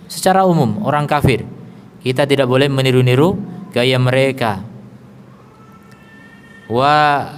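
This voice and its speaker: A man giving a religious study lecture in a conversational way, full of rhetorical questions and teasing asides. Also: mid-range voice. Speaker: Islamic teacher. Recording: long echo in a hall, faint background hiss.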